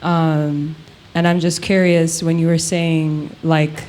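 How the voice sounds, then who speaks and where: Female interviewer, low and even delivery, thoughtful, tentative and circling as she phrases things. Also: slow.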